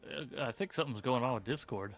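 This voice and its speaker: A man's voice: medium pitch, fast talker, soft background music. A man running a tabletop game as game master over a voice call, talking casually and laughing easily. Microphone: home computer mic on a voice call.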